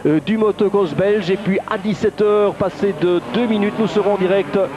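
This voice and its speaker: Male motorsport commentator, high voice, calling positions live through dull audio over crowd noise. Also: fairly even intonation, normal speed.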